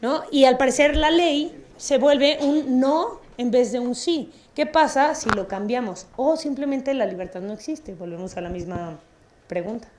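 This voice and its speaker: A woman lectures in an auditorium, speaking. Her voice sits fairly high. She keeps things lively, putting questions to the room and adding playful asides. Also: unhurried. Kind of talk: public talk with audience questions.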